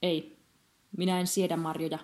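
A woman's voice: lowish voice, flat delivery, a little mellow, natural voice. A woman doing a terse, fussy old-fashioned collector man. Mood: terse, eager. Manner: terse, sighing, fussy refusals. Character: gloomy eccentric male collector in a cloak.

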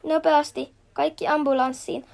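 Nainen lukemassa iloinen päiväkodin eläinopettaja. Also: female voice, sits high, little pitch movement, gravelly, a little mellow. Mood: cheerful. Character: kindly female animal nursery teacher.

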